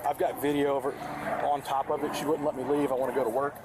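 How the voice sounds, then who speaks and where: A man's voice: medium pitch, level tone, fast talker. A man explaining events to police outside a house, hesitant and full of fillers, caught on a police body camera. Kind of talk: statement to police. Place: outdoors at a house. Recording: noisy body cam audio.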